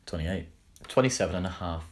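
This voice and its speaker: A woman's voice: very deep voice, lively intonation, a little fast, slight background noise. A woman in her twenties co-hosting a podcast, chatting casually with dry teasing remarks. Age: 20s. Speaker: podcast co-host. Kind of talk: casual chat.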